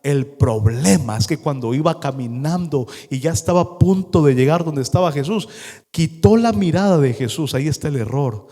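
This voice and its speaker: A man's voice: a little high, warm tone. A male pastor preaching a sermon, telling the story dramatically and acting out the scenes as he goes. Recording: long hall reverb.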